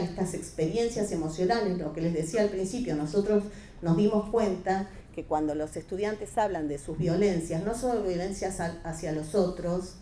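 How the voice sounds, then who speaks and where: A woman with an Argentine Rioplatense accent giving an academic conference talk as an education researcher, explaining in a measured way with filled pauses. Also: mid-range voice, dark tone. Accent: Argentine Rioplatense Spanish. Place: lecture hall. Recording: echoey hall, distant mic, faint hiss.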